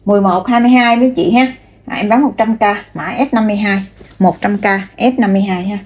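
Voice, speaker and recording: A woman's voice: medium pitch, fast talker, a little mellow, husky. A woman, showing bags one by one and chatting straight to her viewers, with many fillers. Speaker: online seller. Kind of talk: casual product showcase.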